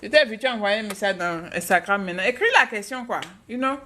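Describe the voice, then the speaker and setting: Chatty woman with a bright voice. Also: medium pitch, fast talker, a little hiss or hum. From Africa. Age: adult, mother of a child. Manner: chatty and frank, talking straight to viewers. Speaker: YouTuber hosting a live stream. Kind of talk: casual live-stream chat answering viewer questions.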